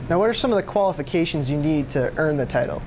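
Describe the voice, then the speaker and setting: A man's voice: fairly high pitch, lively intonation, fast. A man hosting an interview, introducing guests and asking them questions. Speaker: interviewer and host. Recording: faint room noise.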